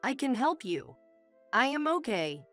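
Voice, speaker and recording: A woman voicing a frail, timid young mother who speaks softly and hesitantly, slow and quiet. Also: high-pitched, sing-song, faint music behind, voice pushed up, exaggerated voice. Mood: weak, hesitant. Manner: soft, hesitant, apologetic.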